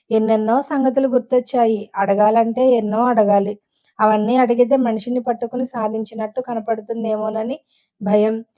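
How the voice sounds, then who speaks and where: A woman narrating a novel as an audiobook reader, in a steady, measured storytelling manner. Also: a little high, rough recording.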